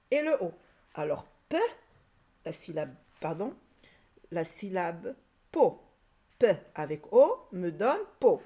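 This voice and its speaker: Lively, patient woman teacher. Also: mid-range voice. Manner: slow, patient, repeats each point and sounds out letters. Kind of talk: classroom reading lesson.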